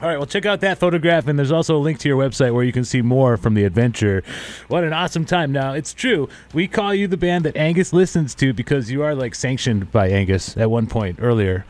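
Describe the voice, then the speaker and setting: Lively, upbeat male radio host. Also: mid-range voice. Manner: enthusiastic, quick to joke and exclaim. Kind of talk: casual on-air interview. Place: radio studio.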